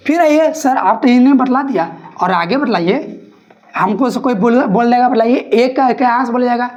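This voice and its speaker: A woman's voice: on the high side, moderate pace, darkish tone. A woman teacher giving an exam-prep lesson, asking questions and answering them herself while repeating each point.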